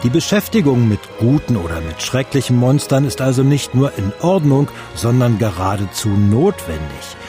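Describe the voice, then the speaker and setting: A man giving calm, explanatory scripted narration. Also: medium pitch, moderate pace, hardly any pauses. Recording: music playing under the voice.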